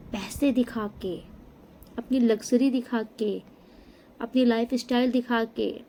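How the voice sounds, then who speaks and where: A woman giving a tarot reading straight to the viewer, emphatic, often checking in with a quick "okay?". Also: high voice, mellow. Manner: emphatic, addresses viewer directly with frequent "okay?". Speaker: tarot reader. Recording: faint background noise.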